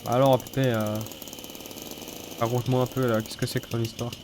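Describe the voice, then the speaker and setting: A man's voice: medium pitch, little pitch movement, normal speed. A man with a stuffy, sniffly nose from a cold, giving casual, sweary, mock-grumbling let's-play commentary. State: has a head cold. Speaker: gaming video host. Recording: noisy, engine and rattling mechanical game sounds. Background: game car engine and mechanical clatter.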